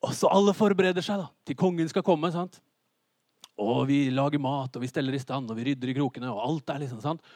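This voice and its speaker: A man preaching a sermon to a congregation. He is lively and theatrical, asks the hall questions and builds up to shouts. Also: medium pitch, studio quality.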